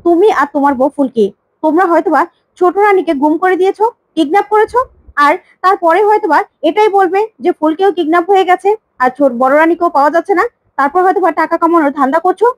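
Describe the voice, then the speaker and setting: A woman's voice: extremely high pitch, fast, no echo. A woman voicing a furious, imperious middle-aged queen who scolds and demands, while retelling a serial plot. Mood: angry.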